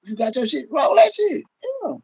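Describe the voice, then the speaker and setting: A middle-aged American man hosts a casual livestream from a room at home, ranting bluntly and profanely to viewers with emphatic repetition. His voice is extremely high, sing-song, brisk, husky and darkish with vocal fry, captured on a phone or webcam at arm's length.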